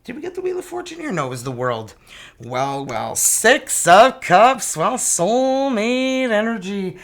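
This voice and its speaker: A Canadian tarot reader in their fifties, whose first language is French, does a casual reading to camera, chatting loosely and breaking into exclamations. Their mid-range voice is sing-song and gravelly, and card quotes are read slowly and carefully.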